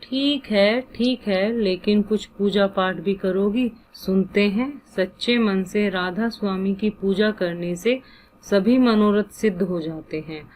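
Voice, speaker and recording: A woman voicing a frail elderly father who speaks softly and sheepishly. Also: medium pitch, slow, a little hiss or hum, lightly acted, rough recording. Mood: coaxing. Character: elderly frail father, shy and gently teasing.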